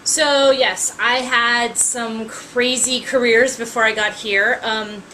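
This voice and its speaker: A woman's voice: a little high, steady tone, takes it slowly, poor audio. A woman in her thirties, an author, talking casually to camera, chatty with frequent ums and wry asides. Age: 30s.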